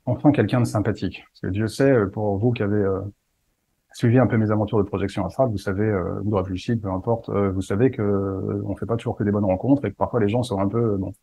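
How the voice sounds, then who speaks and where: A man's voice: lowish voice, steady tone, fast talker, mellow, breathy edge. A man telling a personal story in a casual, playful and self-mocking way. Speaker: spiritual medium and storyteller.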